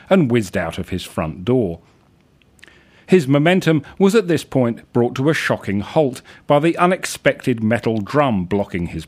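A man hosting a radio show, reading his own whimsical stories in a dry, droll manner, with hesitant asides between pieces. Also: medium pitch. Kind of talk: deadpan literary narration and reading.

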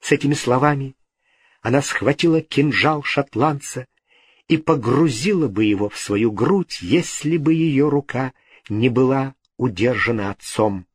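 A man narrating a novel as an audiobook reader, in a measured, even reading. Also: mid-range voice, breathy edge, no echo, studio quality. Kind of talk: scripted narration.

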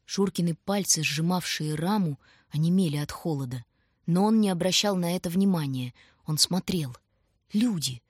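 A woman narrating an audiobook story in a calm, measured way. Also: fairly low pitch, breathy edge, dry recording, studio quality.

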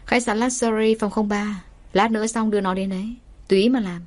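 A woman's voice: medium pitch, fairly even intonation, brisk, a little mellow, lightly acted. Woman voicing a scheming young man, curt and businesslike.

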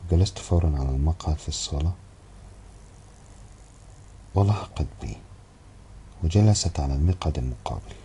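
A man narrating a novel as an audiobook, with a measured, dramatic reading. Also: extremely low pitch, animated, dark tone, a little hiss or hum.

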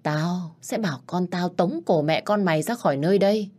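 A woman's voice: fairly low pitch, moderate pace, darkish tone, natural voice. A woman reading a sneering older boss's wife. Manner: sneering, threatening. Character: cruel scornful older first wife of a crime boss.

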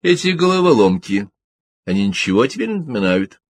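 Sly sugary lady detective in a storybook, a guy doing her voice higher, husky. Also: sing-song, brisk. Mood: sweetly probing. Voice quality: honeyed, insinuating. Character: sweet-voiced cunning woman detective.

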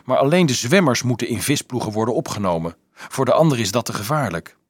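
A man's voice: mid-range voice, very animated, fast talker, husky, dry recording, studio quality. A man voicing a resolute teenage boy leader who lays out plans firmly in an audiobook. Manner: firm, explaining, sometimes angry.

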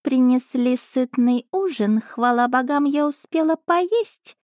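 A woman voicing a haughty, gluttonous female cat familiar who speaks in an indignant, drawn-out, self-important way. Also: high voice, a little mellow, dry recording, studio quality, pitched above the performer's own voice. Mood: gossipy.

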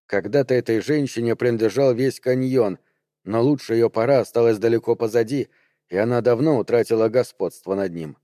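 A man reading an audiobook, narrating in a measured, even storytelling manner. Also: medium pitch, dry recording, studio quality.

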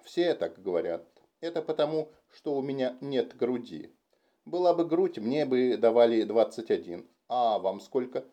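A man's voice: medium pitch, lively intonation, unhurried, dark tone, muffled recording, natural voice. A man voicing a frank, childlike nineteen-year-old girl who forges documents, in an audiobook reading. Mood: pouting.

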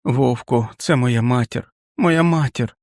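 A man's voice: mid-range voice, slow pace, a little mellow, dry recording, studio quality, voice pushed up. A man voicing a desperate, furious teenage boy who pleads in a raised voice.

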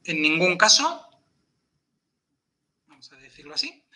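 A man's voice: sits high, big pitch swings, unhurried, pushed and bright. A man explaining pronunciation rules step by step in a patient teaching chat, checking in with his listener. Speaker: podcast presenter teaching Elvish pronunciation.

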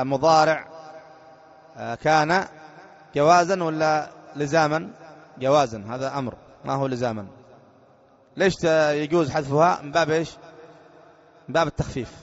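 A man teaching a grammar lesson as a sheikh, repeating each point and putting short questions to his students. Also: on the high side. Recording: dull lo-fi lecture recording.

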